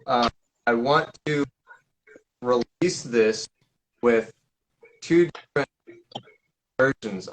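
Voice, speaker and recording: A man's voice: medium pitch, rough recording. Rambling man hosting a live stream. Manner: rambling, halting, with many fillers and restarts. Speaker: paranormal investigator hosting a live Q&A. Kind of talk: casual live-stream chat.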